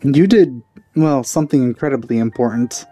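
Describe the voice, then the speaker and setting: A gamer recording a playthrough gives casual commentary, muttering hesitant asides in a warm, medium-pitched voice at a moderate pace. Game music sounds faintly behind him.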